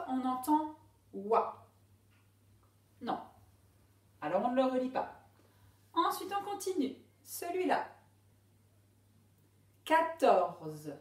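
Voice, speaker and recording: A woman teaching a reading lesson to young pupils, speaking slowly and sounding out each syllable clearly. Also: high voice. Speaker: primary school teacher. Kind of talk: slow classroom reading lesson. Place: classroom with a board. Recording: echoey room, voice a bit far from the mic.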